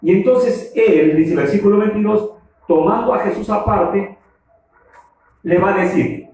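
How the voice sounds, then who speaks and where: A man's voice: high voice, measured pace, darkish tone. A man preaching a sermon as pastor, emphatic and putting questions to the congregation. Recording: echoey hall from far off.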